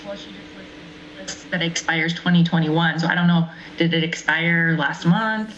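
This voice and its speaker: A woman's voice: lowish voice, fairly even intonation, normal speed, a bit bright, dull audio. A woman board member asking questions at a meeting, uncertain and conversational.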